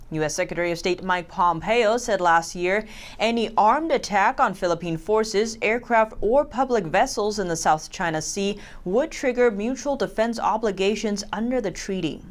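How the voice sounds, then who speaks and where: Woman news anchor, medium pitch. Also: moderate pace. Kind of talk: scripted news narration.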